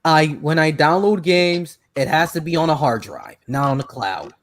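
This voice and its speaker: A man hosting a casual online podcast, rambling and restarting his sentences with lots of "like". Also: on the high side. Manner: rambling, halting, heavy on "like" restarts. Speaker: podcast host.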